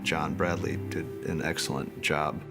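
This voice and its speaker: A man gives behind-the-scenes commentary in a low voice with heavy fry. His intonation stays quite flat, and music runs underneath as he explains the series. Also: a little slow. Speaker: series creator commenting on episode.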